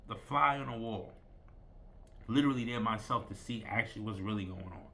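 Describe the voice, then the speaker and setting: A man's voice: medium pitch, pushed and bright. A man vlogging a rambling, profane commentary, often repeating himself and trailing off. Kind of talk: casual rant.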